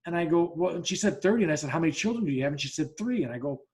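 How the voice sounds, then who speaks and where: A man's voice: a little high, expressive, very fast, darkish tone. Blunt man retelling a story. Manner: talks in repeated restarts and acts out both sides of quoted dialogue; blunt, swears freely. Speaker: podcast host. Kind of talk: casual conversational storytelling.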